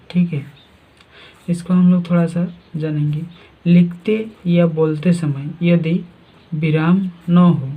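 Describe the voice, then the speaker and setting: A teacher giving a grammar lesson, asking questions and then answering them. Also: mid-range voice. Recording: tinny phone-like sound.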